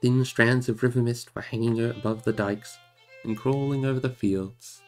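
A man reading a story aloud on a live stream in a steady, measured voice. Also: mid-range voice, soft background music. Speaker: audiobook reader on a live stream. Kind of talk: audiobook reading.

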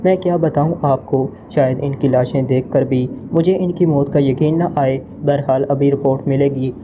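A man's voice: mid-range voice, steady tone, normal speed, noisy background, lightly acted. A man voicing an agitated, anxious male head of state who barks orders, in an audio novel reading.

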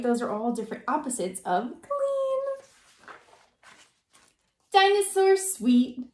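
A woman teacher reading a picture book aloud to young children, asking coaxing questions in a sing-song, animated way. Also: high voice, echoey room. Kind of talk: children's read-aloud lesson.

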